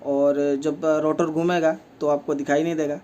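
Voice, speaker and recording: Man, repair tutorial, slightly high voice, monotone, plain explaining with fillers. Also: moderate pace, slight background noise. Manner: speaks while working with his hands. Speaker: fan repair technician.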